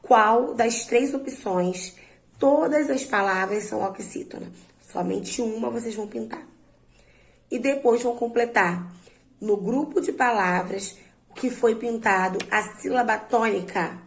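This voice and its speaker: A woman teacher slowly and patiently walking her students through a worksheet, drawing out words to stress their syllables. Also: medium pitch, roomy sound, poor audio. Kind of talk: remote lesson walking students through exercises.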